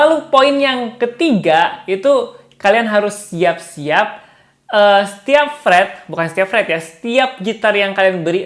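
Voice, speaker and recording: A man's voice: sits high, a bit bright. Chatty man giving a casual guitar lesson. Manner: chatty, refers to himself in third person, chuckles often. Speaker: guitar tutor and seller.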